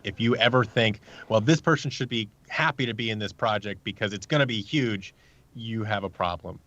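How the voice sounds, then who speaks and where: A man who acts and produces appears as a podcast guest, offering casual, earnest advice through anecdotes and acting out the quoted remarks. His voice is low, brisk and fairly bright, and the audio is dull and lo-fi.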